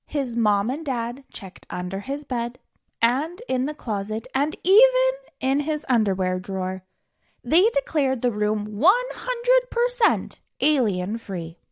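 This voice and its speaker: Very animated and fairly high-pitched, a woman performs a children's picture book as a storytime reader. She is theatrical, pausing dramatically and elongating words for emphasis. The studio sound is clean and free of echo.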